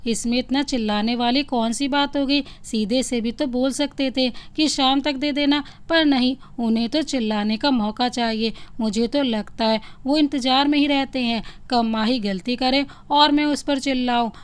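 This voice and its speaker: A woman voicing an irritated young female office worker who complains in a rapid rant. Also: high-pitched, fairly even intonation, smooth, lightly acted.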